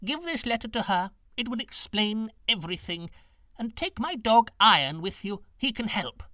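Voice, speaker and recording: A man's voice: high voice, very animated, normal speed, sharp tone, dry recording, studio quality, voice pushed up, heavily acted. A man voicing a tiny, very old, wise and kindly woman in a storybook reading, giving fussy, precise directions.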